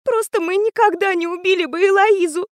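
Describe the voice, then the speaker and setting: A woman's voice: very high-pitched, fairly even intonation, brisk, no room sound, studio quality, pitched above the performer's own voice. A woman voicing a distraught, tearful young female student who pleads between sobs. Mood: sobbing. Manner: sobbing, pleading.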